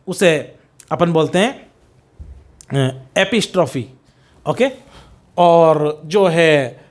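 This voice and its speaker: High-pitched middle-aged guy teaching english poetry in hindi and english, stretches out the verse lines, asks and answers his own questions. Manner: explains in Hindi mixed with English, reads poem lines slowly and stretched. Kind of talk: exam-prep lecture.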